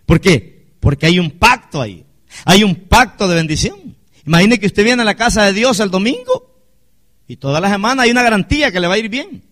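Animated preacher man. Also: high-pitched, brisk. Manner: animated preaching with rhetorical questions. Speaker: pastor. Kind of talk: sermon.

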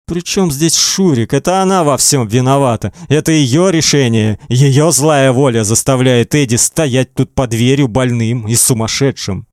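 A man voicing a jealous, volatile teenage boy who shouts harshly. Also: medium pitch, normal speed, few pauses, no echo, studio quality, close to an everyday voice. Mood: seething.

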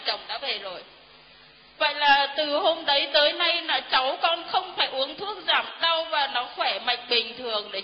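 Earnest high-voiced woman in a reverberant hall. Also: slight background noise. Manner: earnest, deferential to the priest. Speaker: parishioner giving testimony. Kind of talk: heartfelt spoken testimony. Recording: dull reverberant hall recording.

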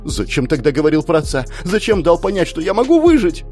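A man's voice: high voice, a little slow, a little mellow, faint music behind, voice pushed up. A man voicing a terrified young cultist who stammers, pleads and cries out in panic. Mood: desperate.

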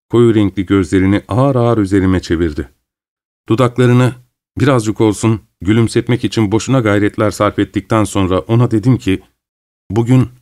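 A man narrating an audiobook in a calm, measured reading style. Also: on the low side. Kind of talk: scripted narration.

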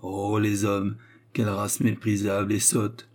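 A man's voice: lowish voice, monotone, unhurried, darkish tone. A man voicing a scheming young woman's scornful thoughts in an audiobook. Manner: scornful, muttering.

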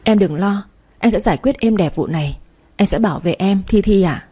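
A woman's voice: mid-range voice, moderate pace, warm tone, breathy edge, close to an everyday voice. A woman reading a storybook, voicing a smug, flirtatious male customer who schemes and coaxes. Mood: coaxing.

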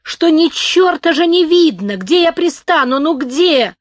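A woman's voice: on the high side, lively intonation, moderate pace, no room sound. A woman voicing a harassed, grumpy steamboat captain who sighs and snaps in exasperation in an audiobook. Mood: exasperated. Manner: exasperated, sighing.

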